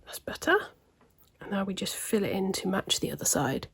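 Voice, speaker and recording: A beauty vlogger chats casually at home at a desk in daylight, doing a get-ready-with-me makeup routine full of self-deprecating remarks and frequent half-whispered asides. Her medium-pitched voice is expressive at a normal speed, with vocal fry, a breathy edge and a slightly smoky laugh.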